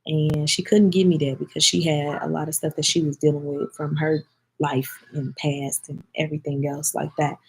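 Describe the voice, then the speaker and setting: A low-voiced woman opens up to her viewers in a casual vlog. Her voice is husky and gravelly, and she sounds close to tears. She calls her audience "y'all" and speaks straight to them. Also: level tone, moderate pace, low-quality recording. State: teary-eyed. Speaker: vlogger answering viewer comments. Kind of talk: casual emotional chat.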